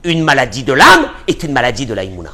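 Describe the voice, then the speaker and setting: A man giving an impassioned religious lecture as a rabbi, pleading and repeating phrases for emphasis, dropping to a hush and then rising loud. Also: mid-range voice, wildly swooping pitch, quick pace. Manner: pleading, emphatic repetitions, swings from hushed to loud.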